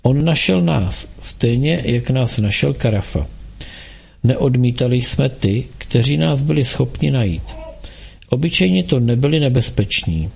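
A man voicing a calm, kind and mysterious young man in an audiobook, speaking earnestly and persuasively. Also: mid-range voice, vocal fry, slightly rough. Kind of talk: audiobook dialogue.

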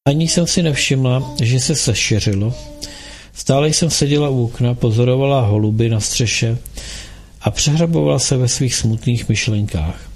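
A man reading a first-person audiobook narration in a slow, somber, measured way. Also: medium pitch, darkish tone, slightly rough. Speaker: audiobook reader.

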